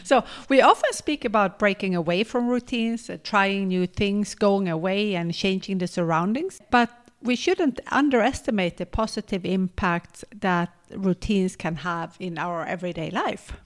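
A woman's voice: mid-range voice, moderate pace, few pauses. A woman co-hosting a podcast, chatting casually and enthusiastically, laughing often. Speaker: podcast co-host.

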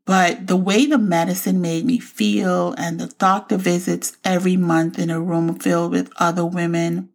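A woman in her forties from the Bahamas hosts her own show and tells her personal story of faith. Her voice sits a touch low and has a gravelly edge. She speaks in a reflective, heartfelt way. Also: level tone, moderate pace, hardly any pauses. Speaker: podcast host.

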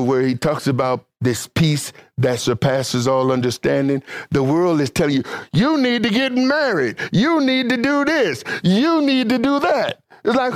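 A male preacher with a notably high voice delivers a fervent sermon in waves that rise and fall, while keeping his talk casual and conversational. The sound is close and dry, with no room echo.

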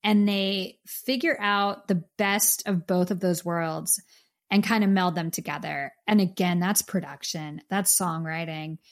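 A woman's voice: fairly low pitch, steady tone, a little slow. A woman co-hosting a music podcast, chatting enthusiastically and gushing about a song. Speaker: podcast co-host. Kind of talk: casual music review chat.

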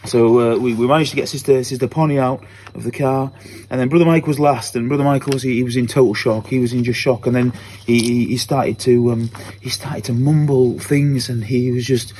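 A man's voice: medium pitch, fairly even intonation, a little fast, a little mellow, a little hiss or hum. A man giving a spoken personal testimony at church, telling it earnestly and repeating phrases as he goes.

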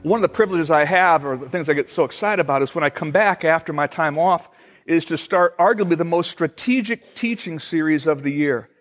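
A middle-aged man, a pastor, preaching a sermon in a conversational, storytelling way with frequent pauses. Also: fairly high pitch, fairly bright tone.

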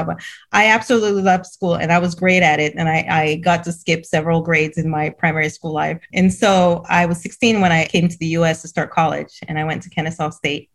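A woman's voice: on the low side, a bit bright. A middle-aged woman from Cameroon, a school CEO, telling her story in a casual interview, laughing often and repeating words as she goes.

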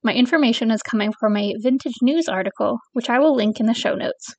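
A woman from northern England hosts a podcast and reads her prepared notes in a measured, informative way. Her voice sits fairly high, and the sound is dry and close. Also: darkish tone, no room sound. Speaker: podcast host. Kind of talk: scripted podcast narration.

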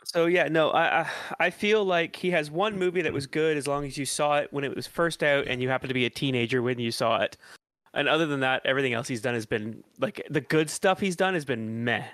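A man's voice: medium pitch, brisk, fairly bright tone, no room sound. A man co-hosting a podcast in casual chat, giving blunt opinions with stammered restarts. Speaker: podcast co-host.

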